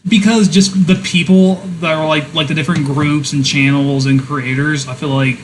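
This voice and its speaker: A man with a slightly raised pitch, bantering on a casual podcast. He teases his co-hosts and drops in dry jokes, with a faint hum of the room behind him. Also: fairly even intonation, rough recording. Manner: teasing, quick with jokes. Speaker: podcast co-host. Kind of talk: casual chat.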